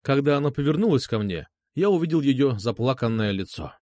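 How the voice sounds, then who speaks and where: A man narrating an audiobook in an expressive, dramatic reading style. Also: medium pitch, fairly quick, no echo, clean studio sound.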